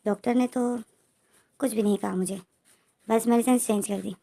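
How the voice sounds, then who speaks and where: A woman's voice: medium pitch, steady tone, moderate pace, gravelly, dark tone. A woman reading a puzzled young man. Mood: earnest. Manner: plain quoted lines in narrator's own voice.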